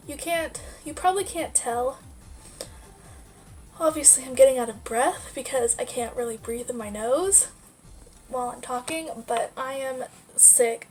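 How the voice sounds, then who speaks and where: This young adult woman is a vlogger whose sinus infection leaves her nasal and stuffed up as she rambles through a casual life-update chat, dropping many fillers. Her voice sits a little high with a darkish tone, and the audio quality is poor.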